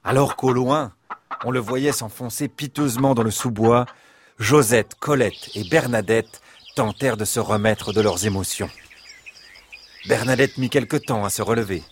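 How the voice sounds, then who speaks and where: A man narrating a children's bedtime story in an expressive, dramatic storytelling manner. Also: medium pitch, moderate pace, slightly rough.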